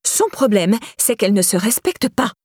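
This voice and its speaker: A woman's voice: mid-range voice, very animated, normal speed, a little mellow, slightly rough, no echo, studio quality. Woman voicing a sneering, hard stepmother in an audiobook. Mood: contemptuous. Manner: sneering, contemptuous, needling. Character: harsh, scornful stepmother, thin and hard.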